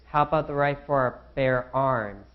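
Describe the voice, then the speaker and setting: A young man with a natural, high-leaning voice speaks at a moderate pace through a muffled recording. Playing a nervous founding father in a student skit, he worries aloud to himself.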